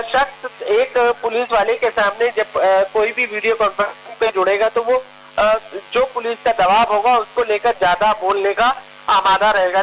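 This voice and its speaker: A male bureau chief reporter explaining a story live to an anchor, halting with many fillers. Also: high-pitched, fairly bright tone, slight background noise, rough recording.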